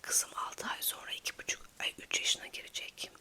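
Female ASMR creator, hushed quiet night-time whisper, sharp and sibilant, informal chat. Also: brisk.

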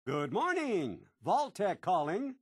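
A man's voice: high-pitched, wildly swooping pitch, slow pace, slight background noise, exaggerated voice. An actor playing a pushy, cheerful male bunker salesman, eager sales patter, heard as game clips played into a prank call.

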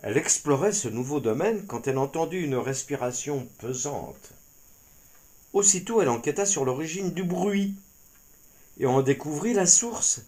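A man narrating a children's animal tale in an expressive storytelling style. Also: a little high, normal speed.

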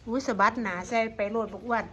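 High-voiced Isan woman coaxing her pets. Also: steady tone, fast, pushed and bright, slight background noise. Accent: Isan Thai. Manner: sing-song coaxing talk to animals. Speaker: pet vlogger. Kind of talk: casual talk to pets.

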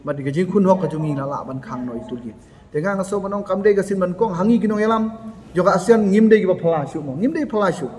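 A man's voice: sits high, expressive, fast talker, darkish tone. A man in his thirties giving an emphatic press conference statement, seated at a table in a bare concrete meeting hall, picked up by a camera in front of him. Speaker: association office-bearer at a press meet.

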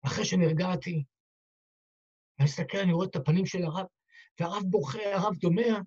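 A man's voice: high-pitched, a little mellow. A man, a rabbi, telling a heartfelt story in a dramatic sermon style, acting out the dialogue. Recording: dull lo-fi recording.

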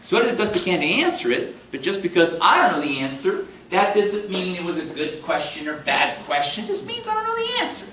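A man in his fifties teaches a class with a lively, swooping, fairly high voice. He jokes and acts out little quotes. He is picked up from across an echoey meeting room. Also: brisk, hardly any pauses. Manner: animated, jokey, talks with big hand gestures and quoted voices. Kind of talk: live classroom lecture. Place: meeting room with projector screen. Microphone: far camera in the room. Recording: roomy and distant with faint hum.

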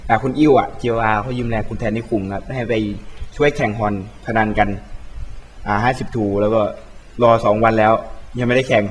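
A man's voice: mid-range voice, fairly even intonation, fairly quick. A young man from Thailand doing casual gameplay commentary, mixing in Isan dialect words, playful and rambling, often correcting himself. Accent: Thai with Isan dialect words. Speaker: game commentator.

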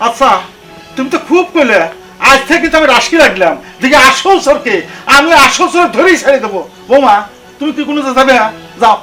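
A man's voice: very high voice, expressive, fairly quick, pushed and bright, faint music behind, full character voice, low-quality recording. Fair-minded village father-in-law. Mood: resolute. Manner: reproachful, reasoning.

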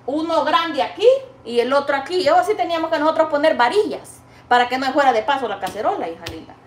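A woman's voice: high-pitched, expressive, fast talker, reverberant, slight background noise. A woman chatting casually while she cooks in her home kitchen, rambling fondly to the viewer. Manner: chatty, rambling, calls the viewer "niña" and "hija linda". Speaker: cooking vlogger. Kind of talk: casual chat while cooking.

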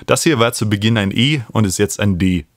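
Talking fairly quickly in a lowish voice, a man in his thirties explains step by step as host and music production tutor. His small indoor home studio yields no room sound, and he is miked close with a studio microphone on a stand.

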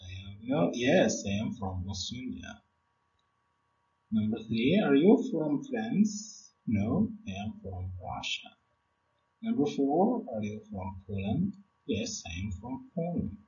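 A man with an Arabic accent, whose first language is Arabic, teaching a slow English grammar lesson and working through examples with frequent hesitations, recorded on a webcam at home. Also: medium pitch, very animated, warm tone. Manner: deliberate, repeats examples, frequent uh. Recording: roomy, distant, dull webcam sound.

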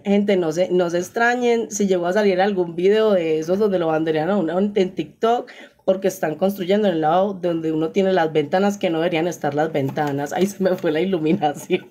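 A young woman with a Paisa Colombian accent chatting casually with viewers on a live stream, exclamatory and quick to laugh, speaking into a phone. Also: fairly low pitch, steady tone, dark tone. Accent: Paisa Colombian Spanish.

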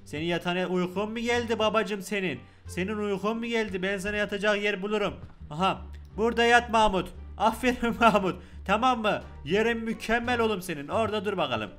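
Young turkish guy playing a horror game, high voice, loud and jokey, faint music behind. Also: brisk. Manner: loud, joking, excitable, talks to the game baby. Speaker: gaming YouTuber. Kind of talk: let's play commentary.

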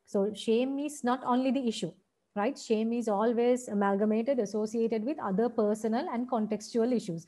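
A woman's voice: on the high side, moderate pace, dark tone. A woman with a Sri Lankan accent giving a teacher-training seminar, explaining point by point and checking in with "right?". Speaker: seminar lecturer.

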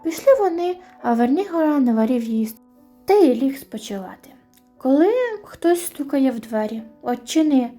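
A woman storyteller reading a folk tale at bedtime, with steady storybook narration and a folk-tale rhythm. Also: sits high, moderate pace, soft background music.

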